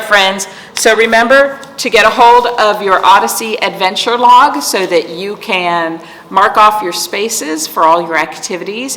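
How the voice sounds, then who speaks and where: In an indoor room with an aquamarine wall, a medium-pitched woman hosts a children's storytime, reading aloud and chatting gently and playfully. She addresses the young viewers as friends, and the echoey room carries clear background noise.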